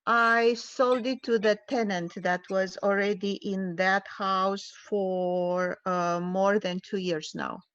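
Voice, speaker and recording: A woman from Romania calling into a live Q&A, speaking slowly and carefully with many pauses. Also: mid-range voice, steady tone, fairly bright tone, highs cut off. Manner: slow, careful, hesitant with fillers. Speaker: caller asking about a note. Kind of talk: live Q&A call.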